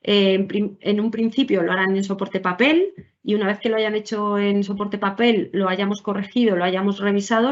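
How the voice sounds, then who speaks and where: Woman teacher walking colleagues through her materials, halting with fillers, on a dull lo-fi recording. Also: medium pitch. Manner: hesitant, many fillers and tag questions. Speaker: primary school teacher. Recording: dull lo-fi audio.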